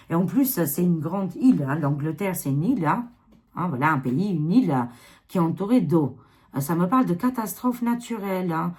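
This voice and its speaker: A woman with an Albanian accent reading tarot cards to camera in a rambling, casual way, dropping many fillers. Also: on the low side. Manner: rambling, filler-heavy, repeats 'hein'. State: tired. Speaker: tarot reader.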